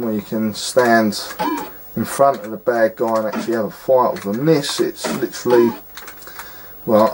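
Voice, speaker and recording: Man, mid pitch, scornful running commentary over gameplay, noisy take with clicks. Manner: exasperated, scornful, rambling with fillers. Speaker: retro game reviewer.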